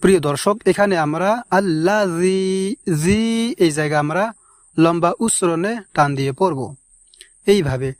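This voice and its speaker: A man teaching the correct pronunciation of a short Arabic chapter, chanting each word slowly and explaining in calm asides. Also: high voice, dry recording, studio quality. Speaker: Quran recitation teacher. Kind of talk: slow recitation lesson.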